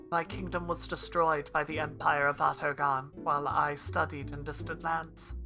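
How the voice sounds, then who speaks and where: Woman doing a brooding pirate admiral. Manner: low, solemn and quiet. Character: proud brooding male pirate admiral, exiled prince.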